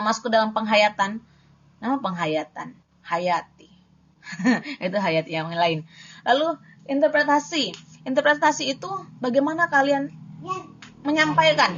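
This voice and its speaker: Young woman, casual poetry-reading tutor, slightly high voice, trips on the S-R sound, dull home recording. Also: fairly bright tone, breathy edge. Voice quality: struggles with the S-R cluster. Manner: chatty, self-correcting, demonstrates sounds aloud. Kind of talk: casual spoken lesson.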